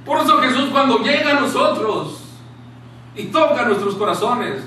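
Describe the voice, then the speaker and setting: A man preaching a sermon in a small church room, impassioned, dropping to a hushed tone when he quotes scripture. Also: extremely high pitch, animated, moderate pace. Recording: very echoey room, distant mic, faint hiss.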